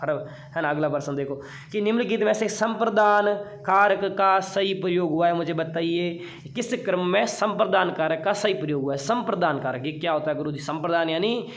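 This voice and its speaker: A young man runs an online exam-prep class, his voice sitting a bit high. He teases his students playfully, tossing out questions and then answering them himself. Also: brisk, a bit bright. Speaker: teacher.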